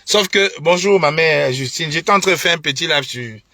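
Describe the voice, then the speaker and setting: A man's voice: on the high side, normal speed, pushed and bright, no echo, clean studio sound. A young man from Cameroon, ranting on a live stream with indignant, repetitive, mocking talk and scornful laughs. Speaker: online political commentator. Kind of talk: heated live-stream rant.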